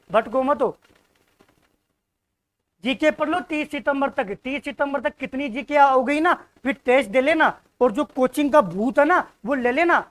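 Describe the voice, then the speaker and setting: This young adult man has an extremely high, slightly bright voice as he teaches an informal exam-prep class. His delivery is blunt and urging, with frequent repetition of key points.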